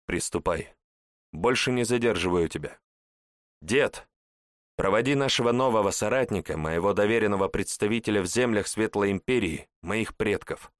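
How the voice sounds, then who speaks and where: A man's voice: fairly low pitch, moderate pace, no echo, studio quality, close to an everyday voice. A man playing a commanding warlord. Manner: commanding, shouting when angered. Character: loud, commanding male warlord, hot-tempered. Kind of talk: audiobook character voice.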